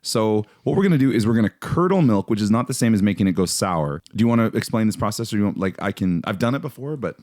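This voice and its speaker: Animated young man hosting a podcast. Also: lowish voice, fast, hardly any pauses, no room sound, clean studio sound. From Canada. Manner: animated, playful, exaggerated disgust. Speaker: podcast host. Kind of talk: casual chat.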